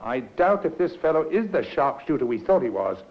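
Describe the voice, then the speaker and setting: A man's voice: medium pitch, sing-song, brisk, close to an everyday voice. An actor playing an authoritative, methodical male police inspector in a 1950s radio drama, decisive as he instructs a subordinate. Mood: deliberating. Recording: muffled 1950s radio recording.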